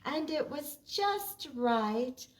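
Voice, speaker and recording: Her voice sits high as she hosts preschool storytime, drawing out words expressively. As a children's librarian, she reads picture books aloud with feeling and chats in simple terms with the small children.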